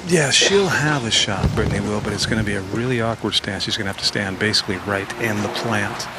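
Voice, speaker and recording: A man giving live golf commentary in a measured, explanatory way. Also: lowish voice. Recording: loud outdoor noise.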